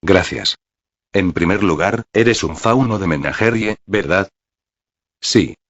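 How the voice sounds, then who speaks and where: A man's voice: takes it slowly, heavily acted. A man reading as a kind, patient young officer. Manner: low and calm. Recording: dull, dry lo-fi recording.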